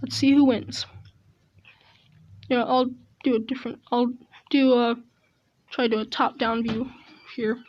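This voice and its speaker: A woman's voice: fairly high pitch, steady tone, unhurried, pauses often, dull audio. A woman giving casual, rambling gameplay commentary at home, chewing gum, recorded through an earbud mic with many stops and restarts. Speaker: gaming video host. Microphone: earbud headset mic.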